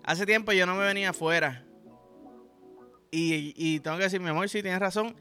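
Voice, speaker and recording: Over faint music, a Puerto Rican podcast host with a high, bright, forceful voice speaks at a moderate pace. In a Puerto Rican Spanish accent, he tells a rambling, crude, profane story packed with slang.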